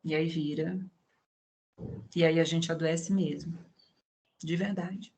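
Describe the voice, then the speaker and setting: A woman's voice: low voice, steady tone, slow pace, creaky, a little mellow. A woman psychologist in an online conversation, explaining with everyday examples and frequent tag questions over a video call.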